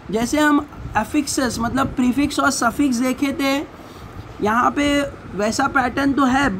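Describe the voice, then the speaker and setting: High-voiced, slow-talking woman teacher. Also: a bit bright, a little hiss or hum, low-quality recording. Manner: slow, repeats words and spells them out. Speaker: English teacher. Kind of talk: classroom lesson explaining syllables.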